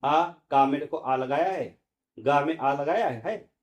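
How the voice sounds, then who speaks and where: A man's voice: on the high side, measured pace, dull audio. A male teacher giving a lesson, explaining each point step by step and asking and answering his own questions. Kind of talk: classroom lesson explaining grammar.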